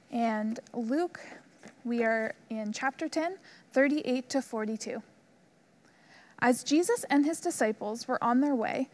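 A young woman reading scripture aloud in a church room, at a measured, even pace. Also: fairly high pitch. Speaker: scripture reader.

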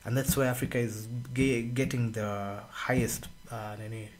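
A man, co-hosting a radio discussion and explaining at an unhurried pace with pauses and fillers, speaking into a studio microphone. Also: mid-range voice, fairly even intonation. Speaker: radio co-host. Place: radio studio with red walls. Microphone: studio boom mic.

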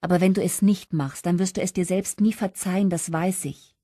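A woman's voice: lowish voice, steady tone, brisk, warm tone, no room sound, clean studio sound, natural voice. A woman voicing a young woman friend who coaxes urgently through a toilet door in an audiobook. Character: young woman friend, soothing then fierce.

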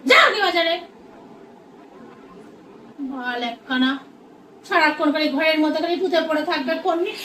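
A woman's voice: sits high, expressive, moderate pace, pauses often, pushed and bright, slight background noise. A woman in a comic domestic skit, scolding and nagging with laughs breaking in. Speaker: comedy vlogger. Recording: echoey room from far off.

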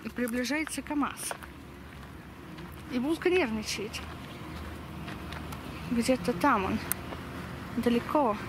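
A woman's voice: a little high, takes it slowly, long pauses. A young woman with a slushy lisp, chatting casually into a handheld camera as she walks outdoors. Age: young adult. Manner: lisping, slushy sh for s. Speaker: vlogger. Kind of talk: casual chat while walking. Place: outdoors, walking along a village street. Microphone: handheld camera at arm's length. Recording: noisy outdoor camera recording.

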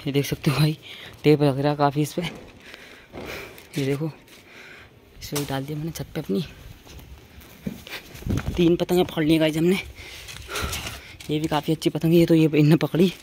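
This noisy open-air handheld clip has a young vlogger on open rooftops talking at a normal speed in a slightly high, mellow voice with little pitch movement. He pauses often, repeats phrases, and chats informally with viewers as though they were friends.

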